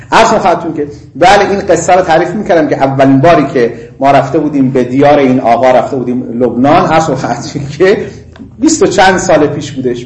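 A middle-aged man lectures students on Islamic law in a roomy, echoing classroom. His voice sits a little high, and he checks often that the class follows him. He moves from Arabic legal formulas to friendly asides. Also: darkish tone. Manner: mixes in Arabic legal phrases, chatty asides and laughter. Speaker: seminary teacher.

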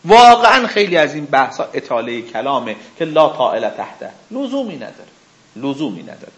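A man's voice: mid-range voice, sing-song, a bit bright, lo-fi sound. A man teaching a religious seminary lesson, who acts out questions and answers with imagined speakers and asks his listeners rhetorical questions. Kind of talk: spoken lecture.

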